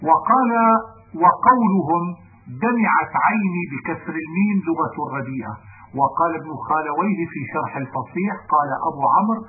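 A man reading a classical grammar text aloud in a measured, deliberate recitation. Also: fairly high pitch. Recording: narrow phone-like band with faint noise.

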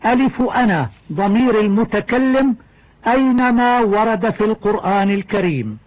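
High-voiced man teaching Quran recitation. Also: narrow, tinny audio. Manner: measured, deliberate delivery, slowing to a drawn-out chant for examples. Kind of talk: scripted lesson narration with chanted verse examples.

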